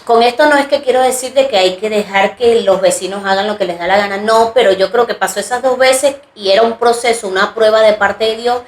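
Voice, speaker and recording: A woman's voice: medium pitch, a little fast, hardly any pauses. A woman co-hosting a podcast, telling a long personal story in a chatty, rambling way and voicing the people in it. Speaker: podcast co-host. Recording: roomy echo.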